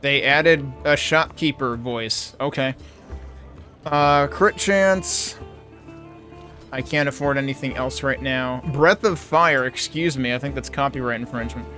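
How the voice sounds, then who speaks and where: A man's voice: medium pitch, a little slow, sharp tone. A man giving casual gameplay commentary, thinking aloud in a critical, analytical way. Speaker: video game player and commentator. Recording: game music behind the voice.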